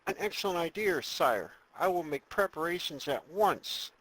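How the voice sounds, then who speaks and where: A high-voiced, cautious imperial space advisor. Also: male voice, lively intonation, moderate pace, fairly bright tone, no room sound, poor audio. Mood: dutiful. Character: cautious, deferential advisor to an evil space emperor. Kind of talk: comedic audio drama acting.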